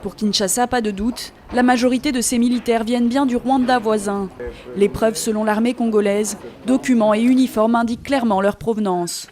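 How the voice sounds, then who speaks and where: A woman narrating a scripted news report in a measured, even way. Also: a little high.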